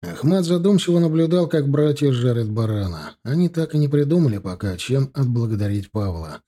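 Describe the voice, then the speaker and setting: A man narrating an audiobook calmly and evenly. His voice is mellow and dark, pitched in the middle range. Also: fairly quick. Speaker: audiobook reader. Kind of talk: scripted narration.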